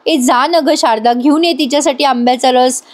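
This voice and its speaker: A woman voicing a kind older father who speaks gently and affectionately to his daughter in a TV serial recap. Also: sits high, normal speed, close to an everyday voice. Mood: gentle.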